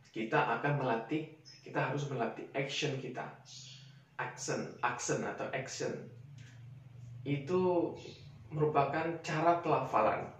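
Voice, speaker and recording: A man's voice: medium pitch, distant mic. A man giving a casual spoken lesson, explaining step by step and sounding out example words again and again. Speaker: English teacher. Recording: echoey room, voice set back from the mic.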